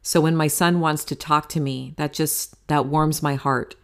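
A woman in her forties hosts her own podcast, speaking at a measured pace in a deep voice with fairly even intonation. Her solo monologue on happiness is candid, chatty, and motivational, with some casual swearing.

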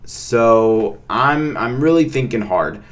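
A man's voice: mid-range voice, lively intonation, takes it slowly. A man, co-hosting a casual couple's podcast, rambling with lots of fillers and repeated words. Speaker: podcast co-host.

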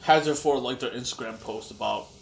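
A man chats loosely with a friend, meandering through his thoughts with pauses and offhand swearing. His voice sits at an ordinary middle pitch, with a faint hum behind it. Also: vocal fry. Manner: rambling and profane, with frequent pauses. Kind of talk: casual chat.

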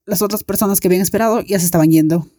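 A young woman with a Latin American Spanish accent, hosting a podcast and telling a story in a chatty, animated way. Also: mid-range voice, racing, no room sound, studio quality. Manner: chatty, animated, acts out friends' voices. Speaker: podcast host. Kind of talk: casual storytelling monologue.

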